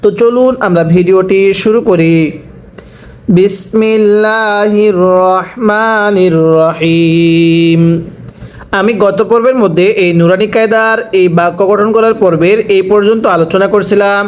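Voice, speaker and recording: A man teaching a recorded Quran reading lesson, spelling out syllables slowly and patiently and asking the listener to repeat after him. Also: sits high. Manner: slow, drawn-out syllables for the learner to repeat; patient step-by-step instruction.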